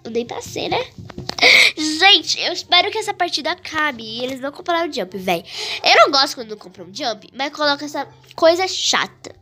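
A woman with a Brazilian Portuguese accent giving chatty, excitable gameplay commentary full of slang. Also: high voice, fairly quick, faint music behind. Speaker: gaming YouTuber.

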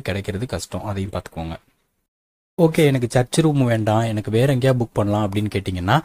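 A man's voice: medium pitch, mellow. A man in his thirties from Tamil Nadu, narrating a travel vlog voice-over in a practical, matter-of-fact way and speaking straight to his viewers. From Tamil Nadu, India. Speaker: travel vlogger.

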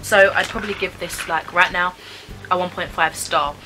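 Low-pitched young British woman musing casually. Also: fairly even intonation, moderate pace, background noise. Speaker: vlogger reviewing snacks. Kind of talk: casual chatty taste-test commentary. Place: small bedroom, indoors.

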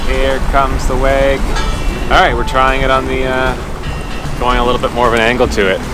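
A man in his thirties chatting casually while filming on a sailboat, relaxed, with lots of fillers. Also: mid-range voice, moderate pace. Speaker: sailing vlogger. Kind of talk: casual chat. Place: outdoors on a sailboat. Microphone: action camera on the boat. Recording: loud wind and water noise. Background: wind and water.

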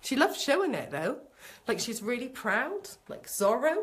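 A woman with a slightly high voice talks as a psychic medium on a live stream. Her manner is chatty and excitable, and she keeps calling her viewers sweetie. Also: a little slow. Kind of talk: live-stream spirit reading.

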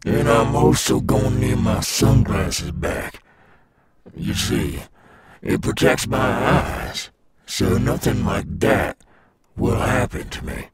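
Man voicing Montgomery Gator, deep gravelly alligator rockstar. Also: lively intonation, full character voice. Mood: coaxing, searching. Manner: slow, coaxing, addressing a child listener. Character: cool, swaggering male animatronic alligator rockstar guarding his golf course. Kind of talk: ASMR audio roleplay.

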